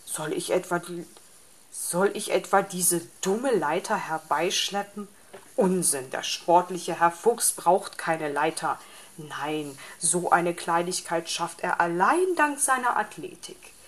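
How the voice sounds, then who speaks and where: A woman's voice: fairly low pitch, animated, slow. Woman voicing a boastful grumbling fox. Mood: self-encouraging. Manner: grumbling, self-pitying. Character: boastful sporty male fox, easily offended.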